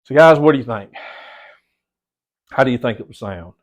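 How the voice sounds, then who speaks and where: This middle-aged man has a mid-range voice and a moderate pace, with a mild nasal stuffiness. Sitting in his home theater room, he rambles casually to camera, repeats words, and refers to his viewers as "guys." The sound is dull and lo-fi.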